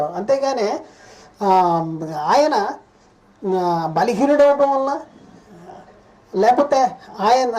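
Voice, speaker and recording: Mellow-voiced preacher man, rhetorical questions. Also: very high-pitched, rough recording. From India. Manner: fires repeated rhetorical questions at listeners; halting, with frequent pauses and restarts. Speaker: preacher and Bible teacher. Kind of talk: sermon.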